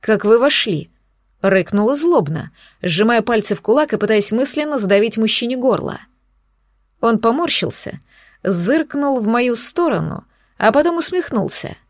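A woman's voice: on the high side, expressive, moderate pace, no echo. Woman reading first-person fiction, dry sound. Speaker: narrator.

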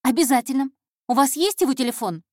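A woman's voice: high-pitched, fast talker, a little mellow, no room sound, studio quality, voice pushed up, lightly acted. A woman voicing a nervous young female intern reporter who stumbles and hesitates over her words. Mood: flustered. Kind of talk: audiobook character voice.

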